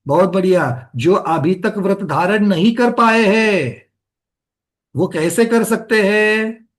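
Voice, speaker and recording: A man teaching a scripture study class runs an interactive religious lesson, questioning his students and explaining through rhetorical questions. His voice is high and his delivery slow.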